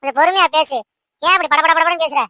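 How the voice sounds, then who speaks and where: A woman voicing a protective mother in a cartoon who talks back in brisk, snappy retorts. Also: very high-pitched, fairly even intonation, pushed and bright, no echo. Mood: irritated.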